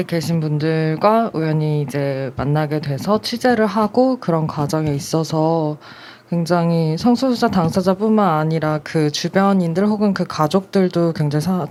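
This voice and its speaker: Low-voiced thoughtful woman director. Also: a little mellow, slight background noise. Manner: thoughtful, hesitant, with fillers. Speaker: film director, guest. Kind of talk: reflective interview answers.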